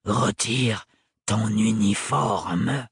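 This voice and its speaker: A man reading an audiobook, voicing a cruel, mocking male villain who draws out his taunts slowly and drops in English words. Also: fairly low pitch, slightly rough, dry recording, studio quality, full character voice. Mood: menacing. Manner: slow, drawn-out taunting, English words slipped in. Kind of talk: audiobook character voice.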